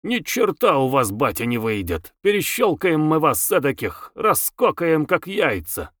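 Audiobook: man reading as a husky, puffing, sneering army officer, lively pitch, dry sound. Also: a little slow, no room sound. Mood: mocking. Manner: barking, sneering. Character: fat, rude, hoarse army lieutenant, mocking bully. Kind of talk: audiobook character voice.

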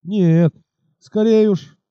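A man's voice: high voice, fairly even intonation, drawn-out words, clean tone, no echo, lo-fi sound, pitched above the performer's own voice. A man voicing a bold noble horseman in an audiobook, firm and declamatory. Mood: defiant. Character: bold noble male horseman, commanding gentleman.

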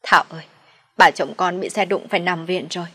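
A scheming older woman in an audio story, pleading in a fawning, ingratiating way, voiced by a woman narrator. Her voice sits low and comes out husky. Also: fairly even intonation, fairly quick, fairly bright tone. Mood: alarmed.

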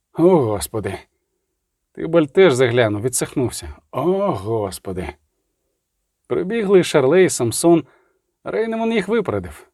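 A man's voice: fairly high pitch, darkish tone, no room sound, studio quality. A man narrating a fantasy novel as an audiobook, telling it dramatically and shifting his voice for the characters.

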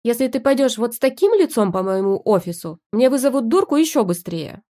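An irritable husband snaps and barks orders in a loud, bossy voice, as a woman reads him. He pitches a little higher than the plain narration and sounds impatient throughout, as in a spoken storybook. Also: sing-song, fairly quick. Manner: snappish, bossy, raised voice.

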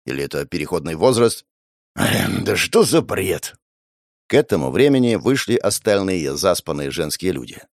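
A man's voice: deep voice, big pitch swings, moderate pace, creaky, dry recording. A man narrating an audiobook in the first person, with a wry, sardonic inner monologue on a close mic.

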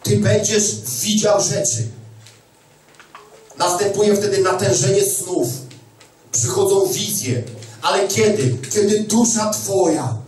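A pastor preaching a sermon, emphatic and conversational, often repeating words for stress. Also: male voice, sits high, slight background noise. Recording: echoey hall, mic at a distance.

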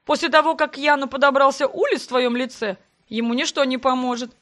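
A woman's voice: high voice, fairly even intonation, fast talker, a bit bright. A woman doing a cocky teasing young brother. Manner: mocking, grumbling banter.

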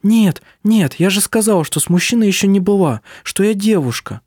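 A man's voice: sits high, animated, brisk, a little mellow, no room sound, pitched above the performer's own voice. An emotional, spirited young woman who pleads and teases in a raised voice, as a man reads her part in an audiobook. The recording is dry and close, with no room around it. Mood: earnest.

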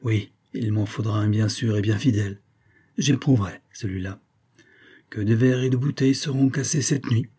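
A man voicing a reserved young captain who speaks in a guarded, measured way. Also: on the low side, warm tone, breathy edge. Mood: brooding. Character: reserved young male captain, calm and brooding.

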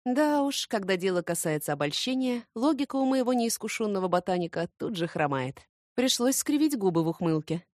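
A woman narrating an audiobook in first person, expressive and ironic. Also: mid-range voice, brisk, no echo, clean studio sound.

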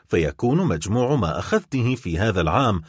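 A man's voice: fairly low pitch, big pitch swings, brisk, husky, no echo, studio quality. A man reading as a bitter, accusing baron. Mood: cold. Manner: stern and accusing. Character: scheming wealthy middle-aged baron, cold and bitter.

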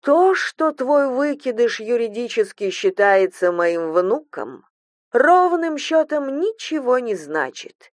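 A woman voicing a cruel older mother-in-law who speaks slowly, coldly and with contempt, in a hissing, venomous manner. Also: a little high, sing-song, dry recording, studio quality, pitched above the performer's own voice. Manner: slow, cold, hissing and contemptuous.

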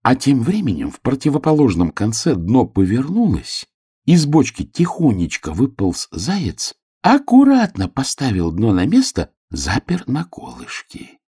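A man reading a children's storybook aloud with an expressive, lively delivery. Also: medium pitch, a little slow, slightly rough. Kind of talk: storybook narration.

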